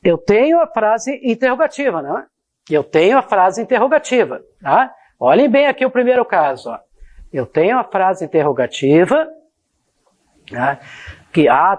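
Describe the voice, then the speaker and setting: A woman's voice: mid-range voice, darkish tone. A woman teaching a grammar lesson to her students, explaining each point and checking they follow, and reading example sentences aloud with exaggerated intonation. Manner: explanatory, addresses students directly with frequent checks like "tá?" and "ó". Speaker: Portuguese teacher.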